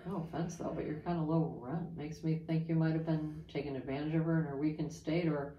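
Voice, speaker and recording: A woman's voice: deep voice, fairly even intonation, fairly quick, muffled recording, close to an everyday voice. A woman playing a blunt, skeptical police interrogator in a crime drama scene, sardonic and pressing. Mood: cool, sardonic. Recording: roomy echo, noticeable noise, off-camera reader.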